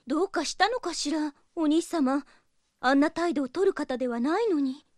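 An actress playing a gentle, troubled younger sister and priestess in an audio drama, speaking in a refined, hesitant, courteous way. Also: female voice, high-pitched, moderate pace, no echo, clean studio sound, lightly acted. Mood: bewildered. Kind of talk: Japanese audio drama acting.

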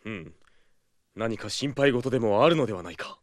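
An actor playing a pompous, earnest older brother who poses as a masked knight of justice, speaking in formal, grandiose phrases in an audio drama. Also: male voice, mid-range voice, animated, moderate pace, no room sound, studio quality, lightly acted. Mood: earnest, brotherly. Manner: formal, archaic, theatrical and grandiose. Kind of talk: Japanese audio drama acting.

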